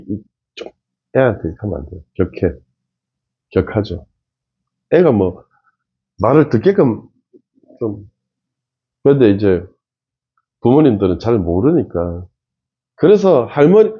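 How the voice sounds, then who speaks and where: A man's voice: mid-range voice, slightly rough, dull audio. A man giving casual commentary on a TV show, emphatic and talking straight to viewers. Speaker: face-reading commentator.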